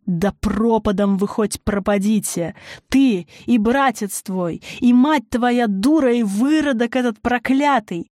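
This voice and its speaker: A woman's voice: a little high, unhurried, no echo, lightly acted. Raging grieving woman as a narrator puts her on, snarling, shrieking, dry sound. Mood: bitter. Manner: snarling, shouting.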